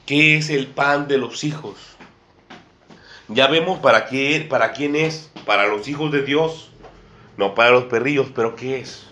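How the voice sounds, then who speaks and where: In an echoey church room with a table, a man preaches to a small congregation, often repeating phrases and addressing listeners as brother and sister. His medium-pitched voice is unhurried, bright and forceful, with slight background noise.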